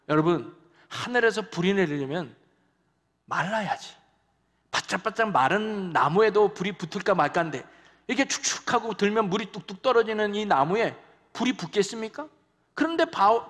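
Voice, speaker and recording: A man's voice: fairly high pitch, long reverb tail. A man preaching a sermon in a church and engaging the congregation with frequent questions. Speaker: pastor. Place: church sanctuary.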